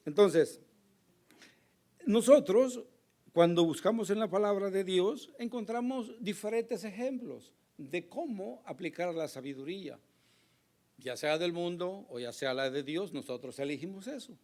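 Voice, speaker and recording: A male pastor preaching a sermon with a hoarse voice, earnest and emphatic, pausing to address the congregation. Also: high voice, animated, a little mellow. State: hoarse, recovering from lost voice.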